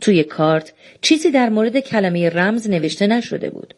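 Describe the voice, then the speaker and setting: A woman narrating a story in a calm, measured reading voice. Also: mid-range voice. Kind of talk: audiobook reading.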